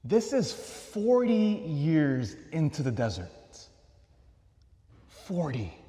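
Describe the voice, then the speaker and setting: A man preaching a homily as a priest, asking questions and moving from loud emphasis to soft asides. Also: a little high, very animated, very slow. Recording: echoey church hall.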